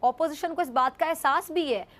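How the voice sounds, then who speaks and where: Higher-pitched woman, formal commentary. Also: normal speed, a bit bright. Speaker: news commentator. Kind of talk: scripted news commentary.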